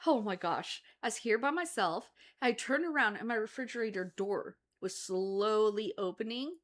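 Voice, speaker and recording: A woman's voice: mid-range voice, expressive, moderate pace. A woman co-hosting a casual chat, telling stories and laughing often. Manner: laughs often, chatty storytelling. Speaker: co-host, author.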